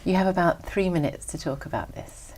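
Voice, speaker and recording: Acting as an examiner, a woman reads out scripted test instructions in a formal, measured way. Her voice is slightly low with a darkish tone, yet her delivery stays expressive.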